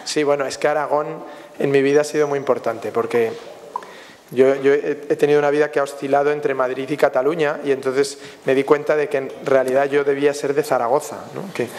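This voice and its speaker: A man's voice: mid-range voice, level tone, brisk, a little mellow. A man from Spain, a film director answering questions at a press conference, telling anecdotes in a reflective way with frequent tag questions. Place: festival press room. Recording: long hall reverb.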